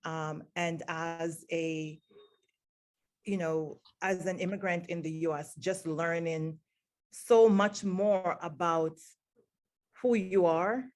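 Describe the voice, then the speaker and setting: Speaking slowly, this guest, a teacher who grew up in Jamaica, gives earnest, thoughtful interview answers full of fillers. Her fairly low voice is a bit mellow, with fairly even intonation.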